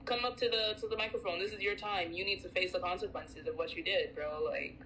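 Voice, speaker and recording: An animated woman from the United States co-hosts a podcast and chats in a lively, filler-heavy way. Her voice has a middling pitch. A faint noise sits under the recording. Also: brisk, poor audio. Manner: animated, chatty, many fillers. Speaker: podcast co-host. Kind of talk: casual chat.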